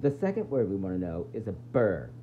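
A woman teacher with a very low voice reads a children's nonfiction book aloud to young pupils, fairly quickly and with lively expression. She explains the content and questions her listeners. The lo-fi recording has a little hiss or hum.

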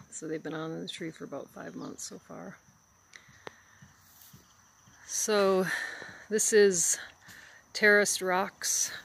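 Woman showing her garden on a phone, talks real slow, faint outdoor hum and crickets. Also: fairly low pitch, a bit bright. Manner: unhurried, pointing things out as she walks. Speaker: gardener giving a tour. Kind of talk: walking garden tour. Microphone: handheld phone, speaker behind camera. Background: crickets and outdoor ambience.

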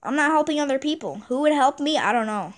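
A woman giving casual gameplay commentary, excitable and chatty, repeating exclamations and stumbling over words. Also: high-pitched, fast. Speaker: gaming channel host.

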